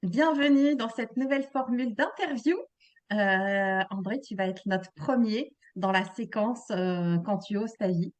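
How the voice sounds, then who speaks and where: A woman's voice: mid-range voice, unhurried, no echo. A woman hosting a casual interview, asking questions hesitantly with many fillers. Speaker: interview host.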